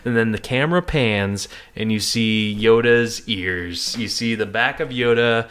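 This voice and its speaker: A man co-hosting a casual movie review podcast, excitable and enthusiastic as he steers the discussion with his friends. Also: on the low side, a little slow, smooth. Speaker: podcast co-host.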